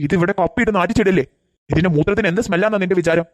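A grumpy old cartoon grandfather who can't stand dogs, snapping and scolding in a low, rapid-fire voice, as a woman acts him out. The recording is dry and close. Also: dry recording, close to an everyday voice. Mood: angry. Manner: scolding, quick-tempered. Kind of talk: cartoon voice acting.

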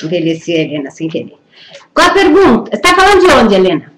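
A middle-aged woman with a Brazilian Portuguese accent hosts a lively live web TV call-in show, bubbly and laughing often. Her mid-range voice is a bit bright, swings hugely in pitch, and runs fast. She sits at a desk in a small indoor room, recorded on a webcam.

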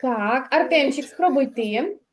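A woman teaching a kindergarten literacy lesson, her voice high and bright. She speaks unhurriedly, sounding out each syllable with care. She keeps prompting the children with gentle questions. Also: animated, poor audio. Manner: slow, carefully articulated, coaxing questions to children. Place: kindergarten classroom.

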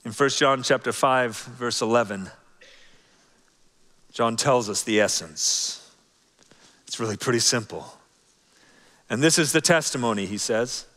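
A man preaching a sermon as pastor, talking in an animated, conversational way that drops to soft, quiet phrases. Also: mid-range voice, a little slow, long pauses. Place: large church auditorium. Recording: long church hall reverb.

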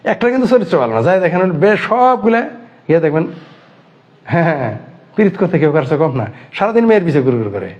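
Man from Bangladesh, heated online commentator, fairly high voice, pounding rhetorical questions, dull lo-fi sound. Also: very animated, fast talker, a little mellow. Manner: indignant, fires rhetorical questions and repeats phrases.

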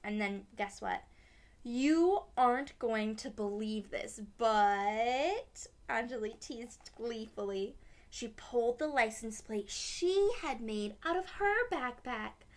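A woman in her twenties hosts a children's read-aloud, taking a storybook slowly in a fairly high voice with lively intonation. She reads expressively and adds asides to young children from a small, decorated room.

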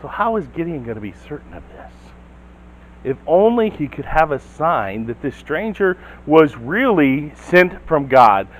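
Guy pastor giving a sermon in church, kinda higher voice, tells the story and acts out the lines. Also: big pitch swings, a little slow, low-quality recording. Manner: storytelling, acts out quotes, asks the listeners questions.

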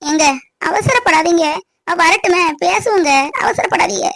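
A worried, tearful cartoon village mother, voiced by a woman in a very high, thin voice. She pleads anxiously, close to tears. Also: normal speed, creaky, fairly bright tone, dry recording, heavily acted. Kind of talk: cartoon voice acting.

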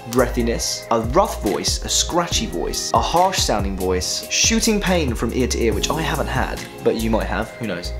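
Young man with a strained singer's voice. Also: medium pitch. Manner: animated, acts out quotes, laughs through his story. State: voice strained by vocal nodules. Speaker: singer and vlogger. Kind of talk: casual storytelling vlog.

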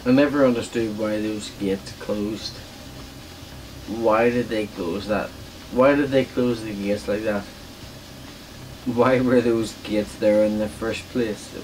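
A man's voice: on the low side, fairly even intonation, slow. A young man giving casual, sweary gameplay commentary while drunk, rambling as he talks. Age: young adult. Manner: heavy swearing. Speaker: gaming video host. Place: small indoor room at a desk. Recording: distant mic, clear background noise.

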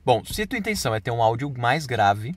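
A man's voice: mid-range voice, sing-song, a little fast, no echo. A man explaining video editing step by step in a casual screen-recorded tutorial.

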